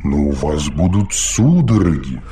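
Male reader playing a smothering robot caretaker, very low voice, preachy, audiobook. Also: very animated, unhurried, dark tone, heavily acted. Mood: fussy. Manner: solicitous, lecturing, talks too much. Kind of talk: audiobook reading.

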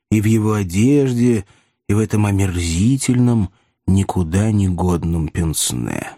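A man reading a novel aloud in a lively, expressive storytelling manner. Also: on the low side, no room sound, clean studio sound. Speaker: narrator. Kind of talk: audiobook reading.

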